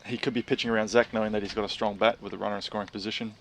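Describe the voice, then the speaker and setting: A man giving conversational baseball analysis as a colour commentator, in a halting, thinking-aloud way. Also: fairly low pitch, little pitch movement, poor audio. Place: outdoor baseball stadium broadcast. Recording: background ambient noise at ballpark.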